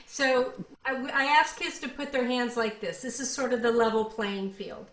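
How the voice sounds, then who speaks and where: A woman's voice: on the high side, moderate pace, a bit bright, roomy sound, rough recording. A woman co-leading a songwriting workshop over a video call, guiding the group step by step in an upbeat way.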